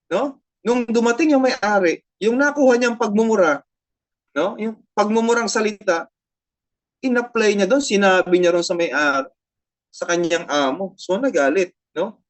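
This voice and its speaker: A woman pastor with a Filipino accent, preaching a sermon, switching between Tagalog and English, repeating phrases and asking the congregation frequent tag questions. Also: mid-range voice.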